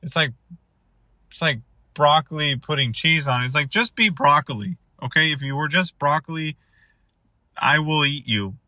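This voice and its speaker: Man, very bright voice, slightly high, dry close sound, rambling comic monologue. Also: expressive, normal speed, no echo. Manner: rambling, self-interrupting, exasperated. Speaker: comedian. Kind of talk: rambling stand-up style monologue.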